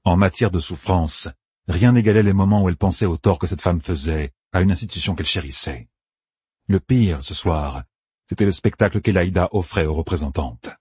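Husky guy reading fantasy audiobook, lots of pitch swing, dry close mic. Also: moderate pace, dry recording. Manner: lively, dramatic reading. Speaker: narrator.

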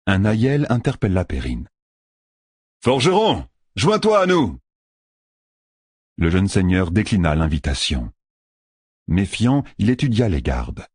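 Deep, expressive male narrator. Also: slightly rough, no echo, clean studio sound. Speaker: audiobook narrator. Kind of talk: scripted narration.

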